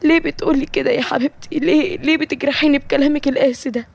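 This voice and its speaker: A woman's voice: high voice, steady tone, racing, vocal fry, voice pushed up. A woman voicing a hurt middle-aged mother who is crying and pleading, with an Egyptian accent. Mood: anguished. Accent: Egyptian Arabic. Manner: pleading, wounded.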